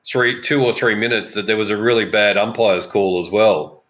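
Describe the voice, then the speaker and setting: A podcast panellist, a man with a broad Australian accent, chats casually. His voice is on the low side and the sound is dull and lo-fi. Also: moderate pace, fairly bright tone. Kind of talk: casual chat.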